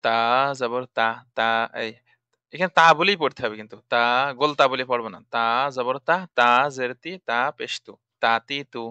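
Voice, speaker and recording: A man's voice: mid-range voice, normal speed, sharp tone, clear, resonant tone, no echo, muffled recording. A man teaching Arabic letters for Quran reading, patiently repeating each sound drill-style.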